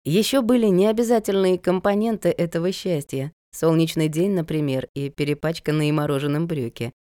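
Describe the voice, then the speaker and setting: Low, mellow woman narrating a novel. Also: moderate pace, no room sound, studio quality.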